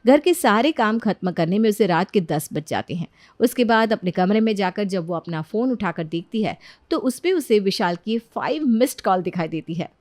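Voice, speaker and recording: A woman narrating a cartoon story in calm, scripted storytelling. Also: medium pitch, moderate pace, no room sound.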